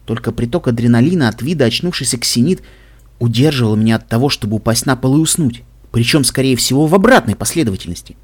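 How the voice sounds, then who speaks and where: A man narrating an audiobook in an even, measured reading voice. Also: medium pitch. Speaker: audiobook reader. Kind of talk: scripted narration.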